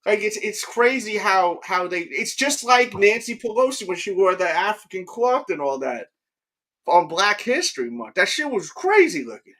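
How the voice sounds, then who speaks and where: A man with a high voice talks in loose, casual chat. His tone is bright and forceful. He rambles, restarts his sentences and keeps checking in with his listener. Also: sing-song, normal speed. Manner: rambling, keeps asking "you know what I mean".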